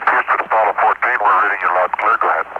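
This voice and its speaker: A man speaking as an astronaut, answering ground control in brisk, clipped radio talk, his voice fading in through static over a distant space radio link. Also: fairly low pitch, highs cut off.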